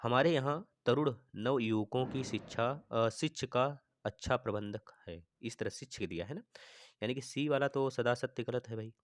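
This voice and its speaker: A man's voice: medium pitch, no echo. Man teaching Hindi grammar, close dry sound. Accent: Hindi-speaking north Indian. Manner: thinks aloud, repeats sentences slowly, asks viewers. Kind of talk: exam-prep grammar lesson.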